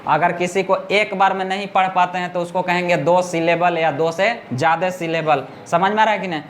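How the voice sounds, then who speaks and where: A man's voice: sits high, fairly even intonation, fairly quick, a little hiss or hum. A male teacher explaining a grammar lesson step by step to a class, often stopping to ask whether the students understand.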